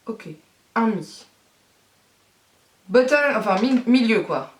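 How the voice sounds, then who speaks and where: Excitable woman vlogger in an echoey room. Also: a little high, takes it slowly, far from the mic. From France. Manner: excitable and flustered, swears, talks through each step. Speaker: beauty vlogger. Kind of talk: casual vlog talking to viewers. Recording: echoey room, speaking away from the mic.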